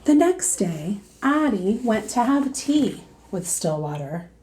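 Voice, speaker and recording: A woman teacher reading a storybook aloud to children in an expressive manner. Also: medium pitch, slight background noise, low-quality recording. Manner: slow, expressive, addressing young listeners.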